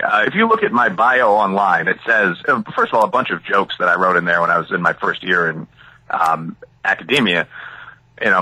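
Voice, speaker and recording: A middle-aged American academic and author from the Chicago area, appearing as an interview guest, gives analytical, opinionated answers packed with asides and examples. His voice sits on the low side, bright and forceful with a slight roughness. The recording is rough but has no echo.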